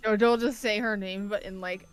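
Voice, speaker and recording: A woman's voice: medium pitch, fairly even intonation, normal speed, smooth, faint music behind. A woman chatting casually as a player in a tabletop game, a little hesitant.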